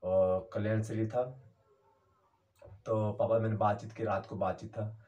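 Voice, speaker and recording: A man's voice: on the low side, little pitch movement, darkish tone, highs cut off. Rambling man telling a story from far off. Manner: rambling, halting, many fillers and restarts. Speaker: YouTuber. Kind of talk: casual first-person storytelling.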